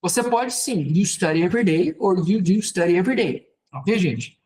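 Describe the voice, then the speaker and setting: Casual Brazilian teacher explaining grammar. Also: male voice, high voice, expressive, moderate pace, darkish tone. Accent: Brazilian Portuguese. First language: Portuguese. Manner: conversational, repeats "ok, gente" and "então". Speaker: English teacher. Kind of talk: casual spoken lesson at a board.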